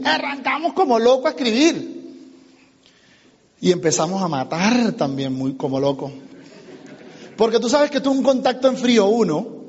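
Male business trainer, lively seminar delivery, hoarse edge, reverberant hall recording. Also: extremely high pitch, highs cut off. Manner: animated, addresses the audience, acts out conversations. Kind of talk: motivational seminar talk.

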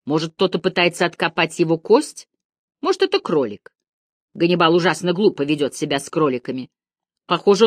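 A woman reading the part of a spirited, stubborn older woman in a lively, brisk, insistent way. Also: on the low side, no echo, studio quality.

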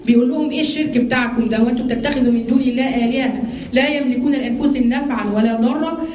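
A woman's voice: high voice, racing, a little mellow, reverberant, slight background noise, low-quality recording. A woman with an Egyptian Arabic accent teaching a religious lesson to women, asking and answering her own questions as she explains verses. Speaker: Quran teacher.

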